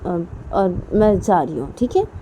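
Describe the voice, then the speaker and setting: A woman's voice: lowish voice, lively intonation, unhurried, dark tone, slight background noise. A woman voicing a middle-aged mother who lectures her daughter firmly, ending her lines with tag questions.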